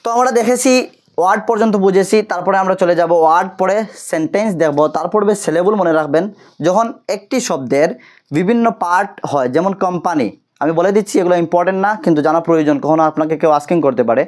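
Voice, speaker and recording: A man's voice: high-pitched, fast, a little mellow. A man with a Bengali accent teaching English grammar to students, working through each point in order. He spells words out letter by letter, says key terms twice, and sometimes stops to correct himself. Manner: self-correcting, occasional slips and restarts. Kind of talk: explaining a lesson to students.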